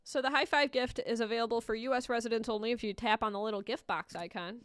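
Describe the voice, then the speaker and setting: A woman's voice: on the high side, steady tone, quick pace, fairly bright tone, dry recording. A woman hosting a casual livestream, chatting playfully to viewers and giving running commentary, with music behind her. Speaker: livestream host and Etch A Sketch artist.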